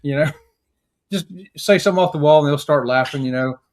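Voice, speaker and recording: A man's voice: a little high, brisk. A man co-hosting a podcast, chatting casually in a playful, jokey way and acting out silly exchanges. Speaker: podcast co-host.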